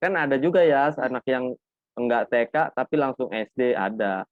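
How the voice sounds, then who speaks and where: A man's voice: medium pitch, normal speed, no echo. A man casually interviewing a schoolgirl, prompting her with lots of tag questions over a call. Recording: dry, phone-like call audio.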